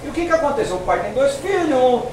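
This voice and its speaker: A man teaching a hermeneutics class, retelling a parable in an animated way and acting out the characters' lines. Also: extremely high pitch, fast talker. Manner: animated storytelling, acts out dialogue with shifting voice. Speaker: Bible teacher. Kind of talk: informal theology class lecture. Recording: echoey room, voice from a distance, faint noise.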